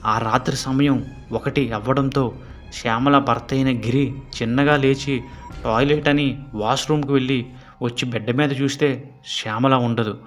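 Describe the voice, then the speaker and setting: A man narrating a horror story in a steady storytelling manner. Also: mid-range voice, normal speed, pauses often, faint music behind.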